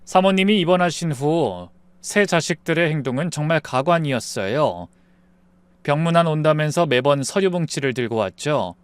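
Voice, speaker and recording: High-voiced man narrating a story. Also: normal speed, clear, resonant tone, no echo. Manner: earnest, steady storytelling. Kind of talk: scripted first-person story narration.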